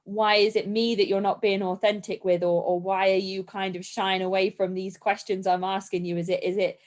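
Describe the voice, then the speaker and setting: A woman hosts a conversational podcast interview. She listens with encouragement, responds with short affirmations, and then reflects on her guest's story at length in an even, middle-pitched voice. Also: moderate pace. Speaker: podcast host.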